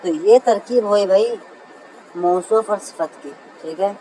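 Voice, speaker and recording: A man teaching Arabic grammar in a lecture, who keeps calling his listeners brother, reads example sentences slowly and answers his own questions. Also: high-pitched, mellow, a little hiss or hum, poor audio. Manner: asks a question and answers it himself. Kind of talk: classroom lecture.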